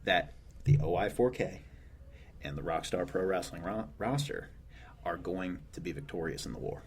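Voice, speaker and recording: Cocky low-voiced wrestler man. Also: moderate pace, slight background noise. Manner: cocky, boastful declarations. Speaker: pro wrestler guest. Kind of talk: wrestling promo talk.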